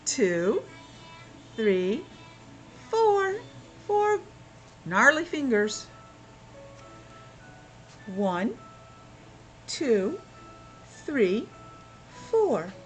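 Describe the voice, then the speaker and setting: A fairly high-pitched preschool teacher gives an interactive lesson to young children on a rough recording. She's playful and exclamatory, asking questions and sounding out words.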